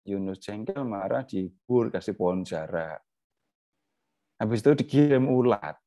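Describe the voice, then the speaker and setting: A man's voice: fairly low pitch, animated, measured pace, dark tone, dry recording. A man teaching a conversational Bible lesson, chatty, asking rhetorical questions and chuckling. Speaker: Bible study speaker. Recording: dull, dry lo-fi recording.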